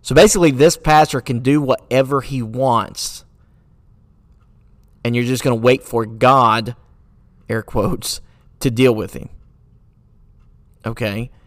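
A man's voice: mid-range voice, fairly even intonation, slow pace, long pauses, no echo. A man hosting a solo podcast, talking earnestly through rhetorical questions with many fillers and restarts, now and then sarcastic. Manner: sarcastic at times. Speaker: podcast host.

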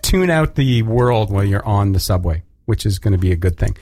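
A man's voice: on the low side, animated, fairly quick, warm tone, no room sound. Chatty male radio host, dry studio sound. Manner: chatty, jokey, with fillers. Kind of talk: casual on-air chat.

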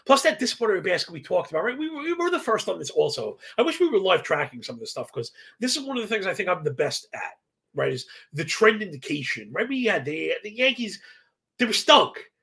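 A man with a high voice and a heavy creak runs through baseball betting analysis. He talks like a slangy professor, stacking statistics in a casual way and tagging points with a quick "right?". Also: big pitch swings, pushed and bright. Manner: slangy, asks "right?" as a constant tag; self-described professorial, rattles off statistics. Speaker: sports betting analyst, live stream host.

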